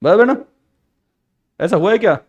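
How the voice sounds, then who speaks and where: A man's voice: high-pitched, expressive, normal speed, breathy edge, muffled recording. A man teaching accounts in a live online lecture, playful and joking, with English phrases mixed in.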